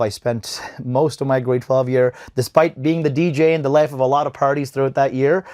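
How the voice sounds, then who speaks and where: Fast-talking man, guest in a podcast interview. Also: medium pitch, darkish tone, no echo, studio quality. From Bosnia. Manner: fast, with many restarts and repeated words. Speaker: podcast guest, event company owner. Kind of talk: casual interview.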